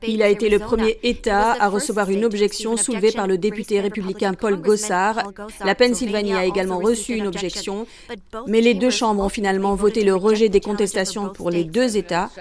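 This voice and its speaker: Woman reading the news over crowd noise. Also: mid-range voice. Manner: even, measured news delivery. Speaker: news anchor. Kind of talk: scripted news narration.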